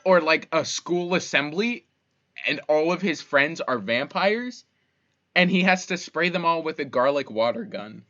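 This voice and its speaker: A young man co-hosts a casual chat, dropping dry jokes. His voice is bright and forward. The sound is slightly dull and lo-fi. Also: on the high side, expressive, a little slow. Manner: dry, joking comments. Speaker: podcast co-host. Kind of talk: casual chat about movies.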